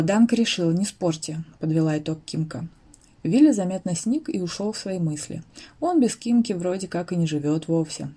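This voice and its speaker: Woman narrator, audiobook reading, low voice, warm mellow tone, expressive first-person storytelling.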